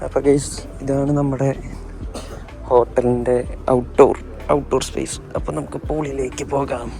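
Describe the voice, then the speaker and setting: A man's voice: medium pitch, flat delivery, normal speed, vocal fry, dark tone, low-quality recording. A Malayali man chatting casually to his travel vlog viewers, dropping English words and phrases into his Malayalam. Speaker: travel vlogger. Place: outdoors at a pool and streets.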